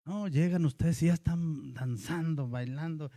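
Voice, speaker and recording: A man with a Mexican Spanish accent, a pastor preaching a lively sermon and acting out the voices of churchgoers. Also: on the high side, a little slow, dry recording.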